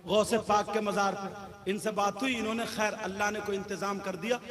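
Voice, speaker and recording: A man's voice: high voice, flat delivery, a little fast. A man preaching a sermon, speaking directly to the gathering and putting questions to them. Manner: direct, chatty questions to the crowd. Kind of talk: sermon, talking to the audience. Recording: echoey hall with crowd.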